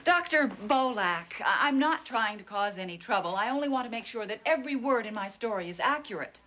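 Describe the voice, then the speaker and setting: A woman's voice: a little high, lively intonation, fairly quick, sharp tone. An actress playing a persistent young woman journalist in a daytime soap, cool and insistent. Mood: earnest. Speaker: actor in a TV drama.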